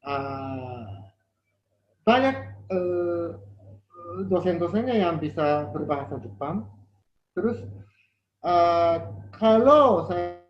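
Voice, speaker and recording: A man with a Japanese accent, a non-native speaker in an online interview, talking haltingly as a foreigner, repeating words while searching for the next. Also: on the high side, lively intonation. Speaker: interview guest. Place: online video call. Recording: muffled, faintly noisy video call.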